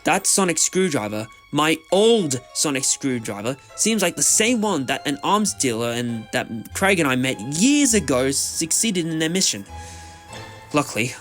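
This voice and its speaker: A man acts out a jaunty time-travelling adventurer for a fan audio drama. The voice sits a little high and moves around freely, flippant and theatrical, over faint music. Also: big pitch swings, measured pace, fairly bright tone. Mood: knowing, intent.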